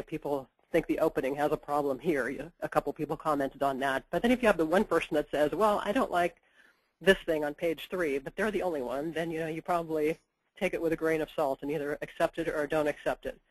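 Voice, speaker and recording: A book editor stuffed up with a head cold speaks fast in a deep voice, giving practical explanations in a webinar interview and saying "you know" often. The recording is rough, with no room sound.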